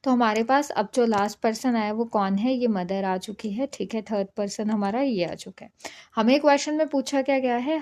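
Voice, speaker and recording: A woman's voice: high-pitched, darkish tone. A woman teaching an exam-prep reasoning lesson, explaining step by step and often checking in with "okay". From India. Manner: patient, repeats "ठीक है" to check understanding.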